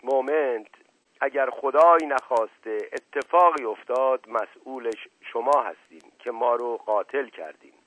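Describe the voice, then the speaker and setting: A man's voice: mid-range voice, fairly bright tone, natural voice. A man voicing a flirtatious, joking middle-aged prince in a story reading, with a playful, mocking manner. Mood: teasing. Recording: dry, slightly dull audio.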